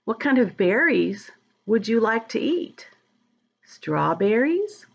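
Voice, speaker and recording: A woman with a higher, husky voice and vocal fry reads a storybook to young children, very animated and slow-paced. She talks to them directly and expressively, drawing out words, chatting and asking questions. The audio sounds dull.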